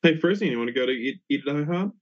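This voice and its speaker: A man's voice: a little high, animated, rapid-fire. A man playing a tabletop role-playing game, improvising casually in character, on a slightly dull recording.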